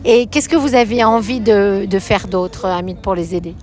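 A woman reporter asking brisk, direct questions in a field interview. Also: mid-range voice, darkish tone, faint music behind.

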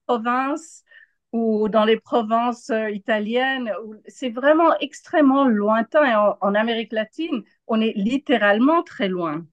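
An unhurried Argentine woman, native to the language, answers interview questions as a journalist giving live analysis. She sounds fairly high-pitched, stumbles a bit hunting for words, and repeats them for emphasis; the sound is close, dry, and dull.

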